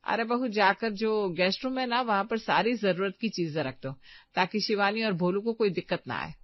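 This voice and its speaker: A woman voicing a warm, fussing middle-aged mother-in-law who gently gives orders around the house. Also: medium pitch, normal speed, dry recording, highs cut off, lightly acted.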